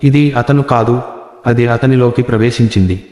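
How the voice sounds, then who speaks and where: A man voicing a grim old village man who speaks slowly and gravely. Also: mid-range voice, a little mellow, natural voice. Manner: slow, grave warnings. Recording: roomy echo with long reverb.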